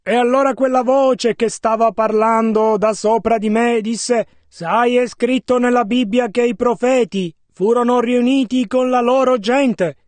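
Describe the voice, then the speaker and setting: A male interpreter carries a preacher's sermon over phrase by phrase with measured care. His voice is very high for a man, he speaks slowly, and the sound is close and dry. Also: fairly even intonation, a little mellow, no echo. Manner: measured, careful phrase-by-phrase rendering.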